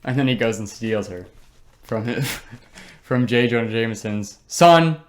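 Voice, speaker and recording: A man's voice: medium pitch, lively intonation, a little slow, a little hiss or hum. Enthusiastic young man co-hosting a podcast. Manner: enthusiastic, slangy, teasing. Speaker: podcast co-host. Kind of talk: casual chat.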